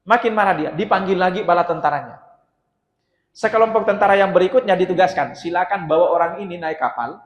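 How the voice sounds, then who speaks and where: Male preacher, high voice, lively storyteller, long hall reverb. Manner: lively storyteller acting out dialogue. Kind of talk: mosque sermon storytelling. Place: mosque hall. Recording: dull, echoey mosque hall sound.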